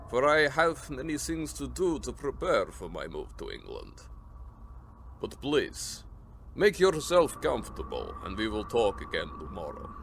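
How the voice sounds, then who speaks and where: An actor playing a vampire count in a radio drama, speaking with formal, deliberate courtesy that carries a quiet, commanding menace. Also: male voice, mid-range voice, vocal fry, a little hiss or hum. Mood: courteous.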